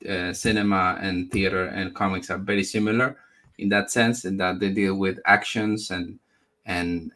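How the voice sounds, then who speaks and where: This is a man in his forties, Spanish-born and US-raised, whose voice is low and bright. As a comic book creator and interview guest, he answers conversationally, halting and repeating words while looking for the right phrasing.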